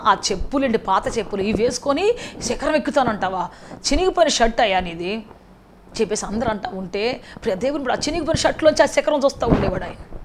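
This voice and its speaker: A woman preaches with fervor in a slightly raised voice, repeating her points and breaking into praise. Her delivery swells into loud, impassioned prayer. Faint noise sits behind her. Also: on the high side. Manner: fervent, repetitive exclamations of praise. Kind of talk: sermon.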